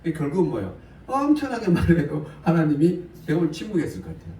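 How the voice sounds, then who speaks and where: Casual guy pastor teaching the bible, dark mellow voice, echoey hall, mic a bit far off. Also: a little high, big pitch swings, quick pace. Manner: casual and blunt, asks the listeners questions. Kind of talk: conversational Bible study sermon. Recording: roomy, from a distance, faint hiss.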